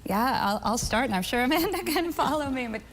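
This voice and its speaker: Upbeat proud woman, slight fry, long room reverb, faint background noise. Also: sits high, expressive, brisk. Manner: upbeat, proud, with fillers and light laughs. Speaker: medical school leader interviewed as guest. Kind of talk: casual interview answers. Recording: roomy hall echo, faint background noise.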